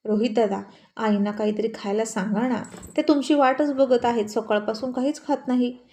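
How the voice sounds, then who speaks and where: A young woman of the house politely urges, worried. A woman storyteller voices her. The tone is warm and fairly high. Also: normal speed, slight background noise, natural voice. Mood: urging. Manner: polite, urging.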